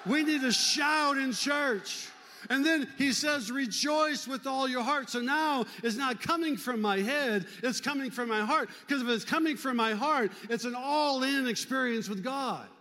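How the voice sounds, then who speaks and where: A male pastor preaching a fervent sermon in a church, urging the congregation to clap and shout. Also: very high-pitched, unhurried, long reverb tail. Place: church sanctuary.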